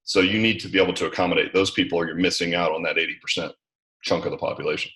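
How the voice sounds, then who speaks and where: A middle-aged American man who founded a gym franchise answers interview questions in a deep, bright, forceful voice with a steady tone, talking very fast. He's talkative and informal, going on at length and peppering his speech with "right" and "you know."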